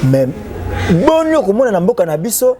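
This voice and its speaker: A Congolese man, a guest on a talk show, explaining legal clauses in an animated, loose way and sometimes reading the text aloud. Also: high-pitched, fairly quick, a little hiss or hum. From Democratic Republic of the Congo.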